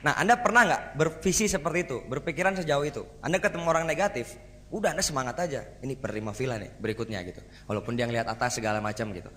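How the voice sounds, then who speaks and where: A man giving a motivational seminar talk to a live audience, energetic and rhetorical, often asking the crowd for agreement. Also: mid-range voice, racing. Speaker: motivational speaker. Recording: hall reverb.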